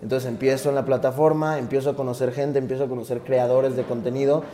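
A man's voice: mid-range voice, little pitch movement, quick pace, warm tone. A young man from Tabasco with a Mexican accent, a rapper telling his story in a casual interview in an earnest, reflective way. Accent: Mexican Spanish. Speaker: guest, rapper.

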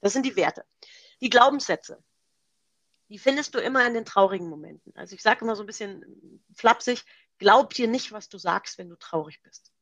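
A woman's voice: medium pitch, lively intonation, normal speed, a bit bright, dry recording. A middle-aged woman coach explaining self-coaching exercises step by step in an interview, in a practical, example-driven way.

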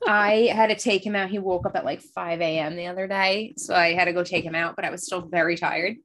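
A woman's voice: on the low side, brisk. A woman with a New Jersey accent, co-hosting a casual podcast on a video call, profane and joking. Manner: profane, joking, animated storytelling. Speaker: podcast co-host.

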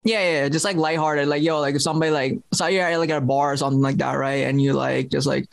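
A man's voice: fairly high pitch, flat delivery, fast, creaky, no echo. A man co-hosting a podcast, chatting in a loose, laid-back way with lots of filler words. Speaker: podcast co-host. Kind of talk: casual chat.

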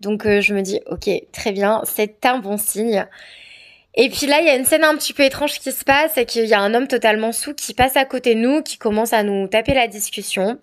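French woman telling a story about her own life, candid and a bit hesitant, kinda high voice. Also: fast talker, hardly any pauses. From France. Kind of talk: personal anecdote told to camera.

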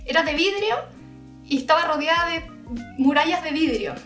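A young woman with a Chilean accent tells a scary story in a casual chat, full of slang, playing out screams and quoted voices. Her voice sits high. The room echoes, with faint music behind her. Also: normal speed, fairly bright tone. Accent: Chilean Spanish.

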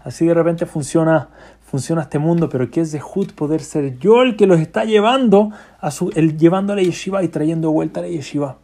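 A man's voice: on the high side, fairly quick, warm tone. A man giving a storytelling religious talk, slipping Hebrew and English phrases into his speech.

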